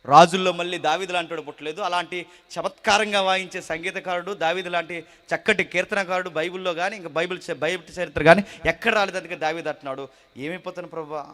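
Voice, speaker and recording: Animated male preacher, high voice, shifts from loud exclaiming to quiet murmuring. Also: fast. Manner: animated, swings between loud exclaiming and low murmured asides. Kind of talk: sermon.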